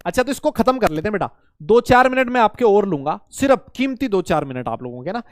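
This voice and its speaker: A man teaching chemistry to students in a lively lecture, asking questions and answering them himself, with playful memory tricks. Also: high voice, fast talker, dry recording. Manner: voices imagined student questions.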